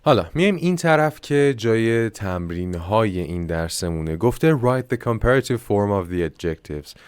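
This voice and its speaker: معلم زبان مردی با صدای بم. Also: male voice, lowish voice, lively intonation, a little mellow, smooth, no room sound. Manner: explains grammar in Persian, reading English examples slowly; self-mocking aside. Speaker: English teacher. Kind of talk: online English lesson.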